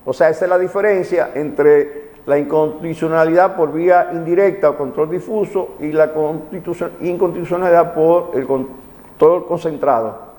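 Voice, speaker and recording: Here the Dominican legal commentator, a magistrate with a Caribbean Spanish accent, uses a fairly high, darkish voice with a steady tone and moderate pace. He lays out legal matters for TV viewers like a teacher, restating key points, in hall-like reverb.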